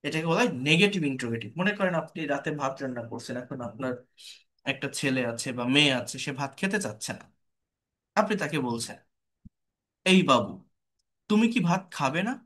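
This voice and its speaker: A man with a Bengali accent teaching English grammar, speaking slowly and patiently and repeating example sentences. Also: fairly high pitch, expressive, a bit bright. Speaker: English tutor. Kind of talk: spoken grammar lesson.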